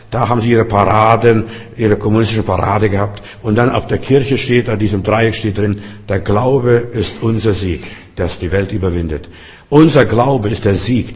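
A man preaching a sermon, repeating refrains and swinging between loud and soft. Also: lowish voice. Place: Berlin Cathedral. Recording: long reverb of a large church.

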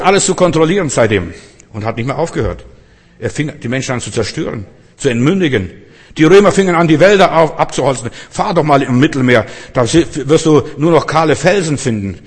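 A man preaching a sermon, emphatic and direct, turning from loud outbursts to soft, low passages and putting questions to his listeners. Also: breathy edge. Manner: addresses listeners directly, often with rhetorical questions. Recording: long hall reverb.

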